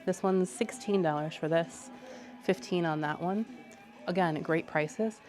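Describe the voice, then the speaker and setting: A woman with a low-pitched voice gives a casual running commentary for a travel vlog. She speaks directly to viewers, with music playing behind her. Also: measured pace, darkish tone. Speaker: travel vlogger.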